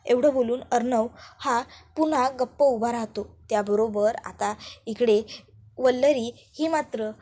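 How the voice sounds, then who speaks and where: A woman's voice: fairly high pitch, unhurried, darkish tone. A woman narrating a recap of a TV serial episode, retelling it with dramatic pacing.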